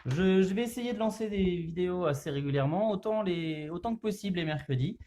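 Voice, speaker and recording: Chatty French man, slightly high voice. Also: fairly quick. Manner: relaxed, chatty, many hesitations. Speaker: youth center activity leader. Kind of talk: casual tutorial demonstration.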